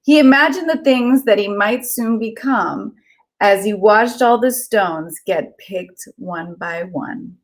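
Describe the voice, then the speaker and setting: A woman children's author chatting casually and reading aloud to children, with an excitable manner. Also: medium pitch, takes it slowly. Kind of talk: casual chat and animated read-aloud for children.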